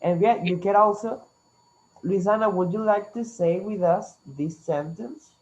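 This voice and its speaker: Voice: mid-range voice, measured pace, a little mellow. Muffled Latin American Spanish-accented online English teacher. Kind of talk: interactive online language lesson.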